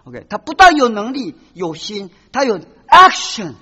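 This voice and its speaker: A man preaching a sermon with animated delivery, acting out short quoted voices and slipping in English words. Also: very high-pitched, unhurried, husky, long reverb tail. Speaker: pastor. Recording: dull lo-fi recording.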